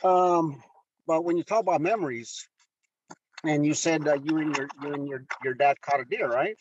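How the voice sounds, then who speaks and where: A man in his sixties from Mexico, a retired first sergeant, gives a candid conversational interview by phone. His heartfelt, earnest speech halts constantly with restarts and fillers, and his voice is husky and on the high side. The recording is dry, with the highs cut off.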